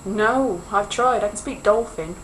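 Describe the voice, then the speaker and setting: A Welsh vlogger rambles casually to the camera, teasing herself with little jokes as she goes. Her voice is mid-pitched for a woman and a bit slow, and the poor audio carries a faint background hiss.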